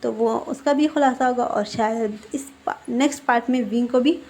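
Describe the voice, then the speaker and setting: Female storyteller, informal retelling of a fan story with fillers, higher pitch, mellow tone. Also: moderate pace. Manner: informal, with fillers, reads out the characters' lines. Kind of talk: casual spoken retelling of a fan fiction story.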